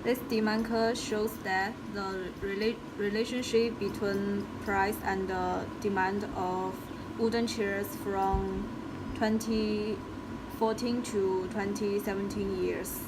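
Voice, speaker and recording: A young woman student presents her part of a class project, reading in a flat, slow, measured way. Loud air conditioning hum and noise fill the phone recording. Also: medium pitch. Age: young adult.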